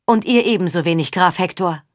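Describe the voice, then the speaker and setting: A woman's voice: fairly low pitch, fairly quick, no echo, clean studio sound, close to an everyday voice. A woman voicing a fierce young noblewoman. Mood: commanding. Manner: sharp, authoritative.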